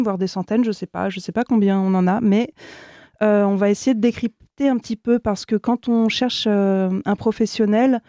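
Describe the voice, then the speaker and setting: Mellow-voiced woman moderating a panel. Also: medium pitch, no room sound, clean studio sound. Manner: prompts the panel with questions, halting. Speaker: host.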